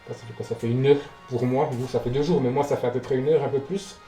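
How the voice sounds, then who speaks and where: A man with a mellow, medium-pitched voice hosts a casual gaming let's play. He reacts out loud, swears and addresses the game directly. The room is echoey, with music playing behind him. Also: fairly even intonation, fast talker. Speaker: gaming video host.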